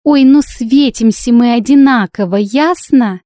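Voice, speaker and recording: A woman voicing a brash, theatrical young heroine who talks loudly with mock innocence. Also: on the high side, expressive, normal speed, no room sound, clean studio sound, voice pushed up, close to an everyday voice. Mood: theatrically sweet. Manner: loud, indignant, mock-innocent.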